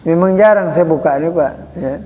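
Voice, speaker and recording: A man over forty giving an informal religious study talk, chatty and joking, acting out greetings slowly. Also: on the high side, warm tone. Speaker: religious teacher. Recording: dull echoey hall.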